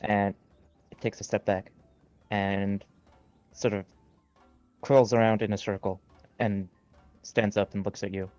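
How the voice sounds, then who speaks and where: A man's voice: lowish voice, level tone, measured pace, long pauses, darkish tone, dry recording, highs cut off, faint music behind. A man running a tabletop game as game master, describing the scene in a loose, rambling way with many fillers.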